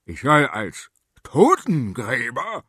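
A man's voice: medium pitch, wildly swooping pitch, slow pace, fairly bright tone, slightly rough, no echo, clean studio sound, exaggerated voice. A man voicing a vain, pompous fat king who bellows when offended. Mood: indignant.

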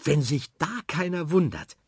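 A bossy, eager little girl from a storybook, voiced by a man, pitched high and bright. She sounds insistent and excited, with a husky grain and a dry, close sound. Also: a little slow, dry recording, exaggerated voice. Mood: confident.

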